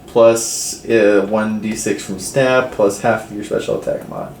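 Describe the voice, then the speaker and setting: A man's voice: fairly low pitch, steady tone, measured pace, vocal fry, a crowd in the background. A man running a tabletop game as game master, narrating casually with fillers. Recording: roomy echo, faint background noise.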